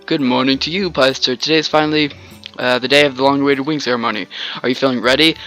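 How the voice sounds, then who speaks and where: Man reading cheerful game tutorial guide, chatty, explanatory, bright voice. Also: mid-range voice, fairly even intonation, fast, faint music behind, pitched above the performer's own voice, close to an everyday voice.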